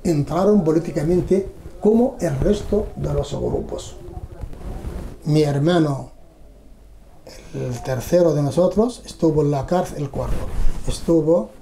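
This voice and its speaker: A middle-aged man from Palestine, giving a measured, halting personal testimony with pauses for a documentary. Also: fairly high pitch, vocal fry, dark tone. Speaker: documentary interviewee. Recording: roomy echo, faint background hum.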